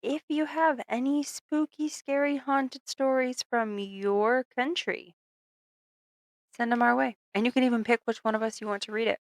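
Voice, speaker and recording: A young woman co-hosting a casual podcast, chatting and telling an anecdote with animated quoted voices. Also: fairly high pitch, normal speed, no echo. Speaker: podcast co-host. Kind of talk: casual chat, storytelling.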